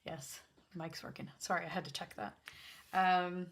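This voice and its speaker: A woman with a slightly gravelly voice hosts an art demonstration in casual chat, rambling, interrupting herself and apologizing as she goes. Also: on the low side, fairly even intonation, measured pace. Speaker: host of an art livestream swatching watercolors. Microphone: backup microphone.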